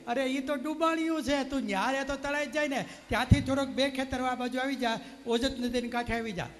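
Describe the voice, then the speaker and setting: A man's voice: very high-pitched, a little fast, a little hiss or hum, pitched above the performer's own voice. A man voicing a smug village leader handing out confident advice, in a story told over a reverberant PA. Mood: reassuring. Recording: long reverb from a loud PA.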